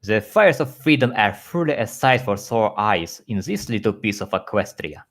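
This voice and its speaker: A man reading loud lively pony dialogue. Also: lowish voice, normal speed. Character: various pony characters, male and female.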